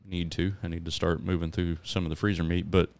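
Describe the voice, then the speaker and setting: A man's voice: low-pitched, level tone, brisk, creaky, darkish tone. A man hosting a podcast in easygoing casual chat, laughing often. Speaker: podcast host.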